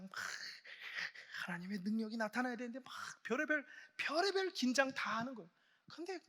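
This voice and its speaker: A man preaching to a congregation in a large church sanctuary, speaking into a pulpit microphone. His voice sits high and sounds bright and sharp. He swings between hushed, almost whispered lines and loud, exclaiming calls, and a long reverb hangs behind every phrase. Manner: earnest and encouraging, speaking directly to the congregation. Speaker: guest pastor preaching. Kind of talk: sermon at a Friday night prayer meeting.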